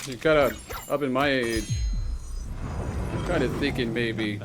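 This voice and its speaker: A man's voice: mid-range voice, unhurried, lightly acted. Grumpy, boastful superhero dad played by a man, music behind. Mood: smug, dismissive. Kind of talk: parody reaction commentary.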